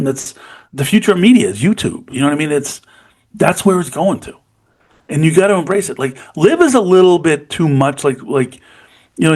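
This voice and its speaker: A middle-aged man co-hosting a podcast, chatting casually and enthusiastically about golf, often saying "you know what I mean". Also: a little high. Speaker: podcast co-host. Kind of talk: casual sports chat.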